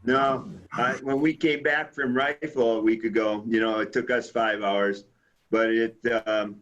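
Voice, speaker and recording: A man's voice: mid-range voice, level tone, a little slow, fairly bright tone. A man chatting casually in a group over muffled video-call audio. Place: online video meeting.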